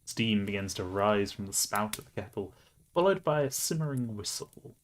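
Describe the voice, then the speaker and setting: A man's voice: on the low side, lively intonation, moderate pace, slight background noise. A man streaming a game, reading the story aloud with playful, laughing asides.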